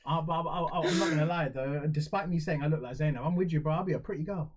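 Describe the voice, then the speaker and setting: A man's voice: a little high, fast talker, breathy edge. A young man co-hosting a podcast, chatting casually with swearing and mock-outraged rants. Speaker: podcast co-host. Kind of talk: casual chat.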